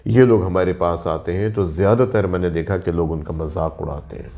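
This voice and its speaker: Low, calm male doctor host; measured explainer; lo-fi audio. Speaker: doctor hosting a health talk. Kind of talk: explanatory health talk. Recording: dull lo-fi sound.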